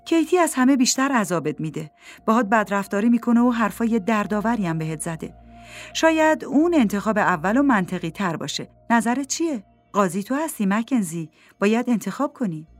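A woman reading a calm, wise woman who questions a grieving man softly and gently in an audiobook. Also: mid-range voice, soft background music, lightly acted. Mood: pressing. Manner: gentle, probing, soft-spoken. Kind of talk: audiobook character voice.

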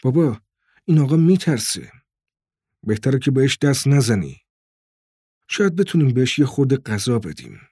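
A man voicing a gentle young boy who pleads softly and earnestly in an audiobook. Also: mid-range voice, sing-song, long pauses, breathy edge, dry recording, studio quality. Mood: pleading.

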